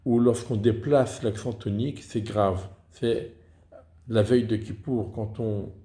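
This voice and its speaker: A man giving a slow, deliberate lesson on reading liturgical texts, pausing to sound out example words. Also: on the low side, fairly even intonation, mellow, roomy sound. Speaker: teacher of Hebrew liturgical reading.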